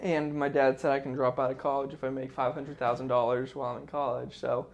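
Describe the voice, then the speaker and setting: A man's voice: mid-range voice, little pitch movement, fairly quick, vocal fry, dull audio. A man in his twenties co-hosting a podcast, joking and teasing his friend in slangy casual chat. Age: 20s. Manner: jokey, teasing, uses slang. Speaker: podcast co-host. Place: indoor room, filmed by a cameraman.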